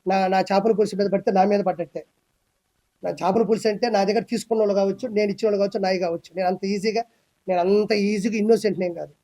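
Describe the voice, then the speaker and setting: High-pitched, fast, fiery ranting man. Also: steady tone. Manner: loud, emphatic, repetitive ranting. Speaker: interview guest. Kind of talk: heated political interview.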